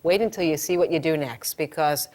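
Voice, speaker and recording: A middle-aged woman, a labor nurse and childbirth educator, teaching a class in a chatty, animated way and telling stories from the delivery room. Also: low voice, a little fast. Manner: animated storytelling, acts out quotes, chatty.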